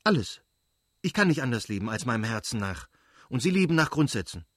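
A man reading an audiobook, voicing a proud, quick-tempered young noblewoman in agitated, self-reproaching outbursts. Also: mid-range voice, very animated, a bit bright, no echo, clean studio sound.

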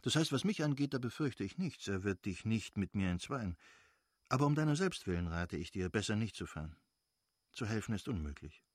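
A man reading the part of a confident older brother who lectures in a brisk, assured way. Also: fairly low pitch, very animated, no room sound, clean studio sound. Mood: lecturing.

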